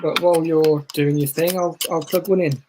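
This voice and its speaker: A man's voice: a little high, fairly even intonation, normal speed, noisy background. A man co-hosting a live hairdressing stream, speaking off-mic, with his voice echoing back through a second device. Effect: echoing sound from his audio looping through a second device. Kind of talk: casual live-stream chat.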